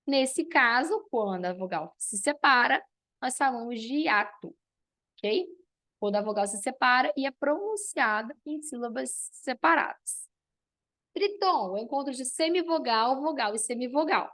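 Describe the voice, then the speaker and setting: Woman teacher, higher voice. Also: a bit bright. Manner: explains step by step, keeps checking in with the class. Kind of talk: online class lecture.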